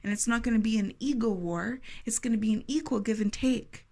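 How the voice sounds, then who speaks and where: A woman's voice: fairly high pitch, a little fast, warm tone. A woman giving a tarot reading to her viewers, earnest and emphatic, repeating phrases for stress. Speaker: tarot reader.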